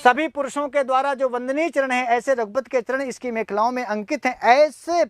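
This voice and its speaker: Male teacher, very high voice, emphatic lecture, rhetorical questions. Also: moderate pace, dry recording. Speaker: Sanskrit teacher. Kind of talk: classroom lecture. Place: classroom with students.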